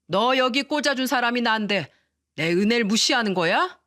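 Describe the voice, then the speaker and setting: A woman voicing a drunken, arrogant middle-aged man who bullies his brother-in-law, with slurred, condescending shouting in a dry, close recording. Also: a little high, lively intonation, normal speed, dry recording, pitched above the performer's own voice. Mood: drunken bullying. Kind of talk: storytelling radio narration.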